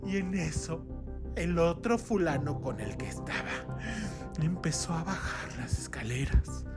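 A woman telling a comic horror story, dramatic and crude-humored, dropping to hushed whispers and rising to shrieks. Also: deep voice, expressive, a little slow, over loud music.

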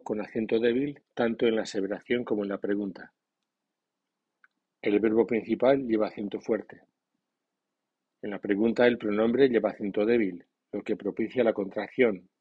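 Male language teacher, slow deliberate delivery, mellow husky voice, dull dry recording. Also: lowish voice, no echo. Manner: slow, deliberate, reads example sentences with careful stress. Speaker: English teacher. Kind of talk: scripted language lesson narration.

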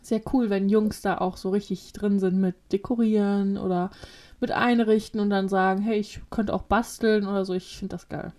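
A woman's voice: mid-range voice, steady tone, normal speed, mellow. A young woman co-hosting a casual podcast chat, telling a story animatedly and acting out quotes. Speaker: podcast co-host.

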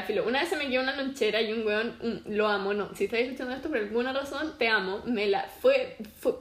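Chilean girl telling stories, high pitched, acts out the voices, roomy sound. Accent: Chilean Spanish. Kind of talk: casual chat, storytelling.

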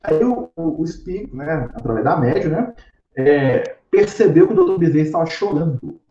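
A man with a slightly high voice explains spiritual ideas in an easy, conversational way, tossing in tag questions all through. He sounds far from the mic in a roomy space, and the audio is a bit dull. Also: lively intonation, normal speed, dark tone, a little hiss or hum. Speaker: spiritist study leader. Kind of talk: teaching talk.

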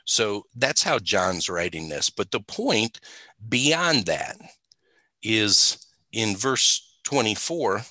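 A man's voice: on the low side, very animated, slow pace, sharp tone, dry recording. A man teaching the Bible in a conversational way, emphatic and stressing points by repeating words.

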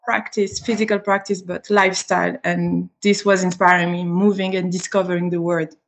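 A woman from Switzerland, a yoga teacher answering interview questions with enthusiasm and pausing to find her words. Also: lowish voice, level tone.

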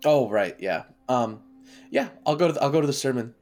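A man playing a tabletop game, talking casually and haltingly with fillers. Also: mid-range voice, animated, a little mellow, faint music behind. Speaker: player.

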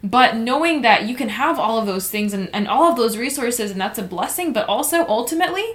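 A woman's voice: on the high side, animated, fairly quick, a bit bright. A woman co-hosting a casual faith discussion podcast, talking earnestly and emphatically with frequent fillers. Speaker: podcast co-host.

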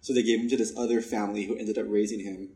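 A young man co-hosting a podcast in casual chat, relaxed, laughing easily and stammering a little. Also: lowish voice, fast talker. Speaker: podcast co-host.

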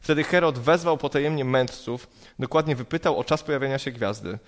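A man's voice: mid-range voice, brisk. A man preaching a sermon, earnest and emphatic, building his points through repetition. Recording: long hall reverb.

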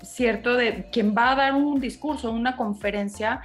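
A woman's voice: on the high side, normal speed, soft background music. Thoughtful woman radio host. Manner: thoughtful, asks questions. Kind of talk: interview conversation.

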